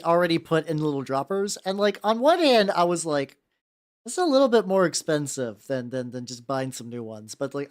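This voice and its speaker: Lively, rambling livestreamer with swooping pitch. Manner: rambling, talkative, foul-mouthed. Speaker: livestream host. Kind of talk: casual livestream chat while painting miniatures.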